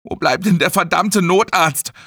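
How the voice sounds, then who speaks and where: A man voicing a panicked, shouting young man. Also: high-pitched, a little slow, no room sound, clean studio sound, pitched above the performer's own voice, heavily acted. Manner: shouting in desperate bursts. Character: panicked young man reviving his friend.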